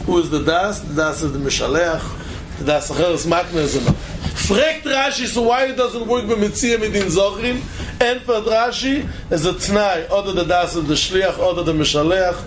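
A man's voice: sits high, normal speed, background noise. A man with lecturing informally as a Talmud teacher, asking rhetorical questions and repeating phrases for emphasis.

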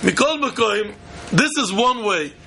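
A man's voice: high voice, lively intonation, a little slow, background noise. A man with a Yiddish accent teaching Talmud in a repetitive, questioning, argumentative way. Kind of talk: religious study lecture.

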